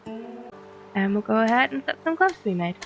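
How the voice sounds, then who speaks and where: A woman's voice: on the high side, lively intonation, moderate pace, creaky, dull audio, faint music behind. A woman hosting a let's play, giving casual commentary that is chatty and giggly as she thinks aloud through her game.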